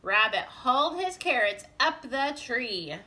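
A woman preschool teacher reading a picture book aloud to her class, gentle and expressive with chatty asides. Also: sits high, unhurried.

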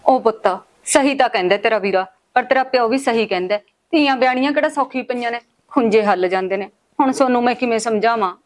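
Actress as high-pitched rural mother, scolding and protective. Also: quick pace, close to an everyday voice. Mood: troubled. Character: worried rural mother defending her daughter. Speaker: mother in a family drama. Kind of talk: village short-film acting.

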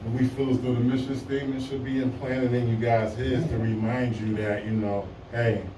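A man's voice: medium pitch, flat delivery, normal speed. Man talking casually in an echoey lobby. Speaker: citizen auditor questioning police. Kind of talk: casual conversation. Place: small indoor police station lobby. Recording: echoey, noisy, distant lobby recording.

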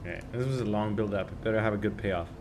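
A man's voice: fairly low pitch, quick pace, background noise. A young man streaming, casually reacting to videos, loose and swearing, laughing between remarks.

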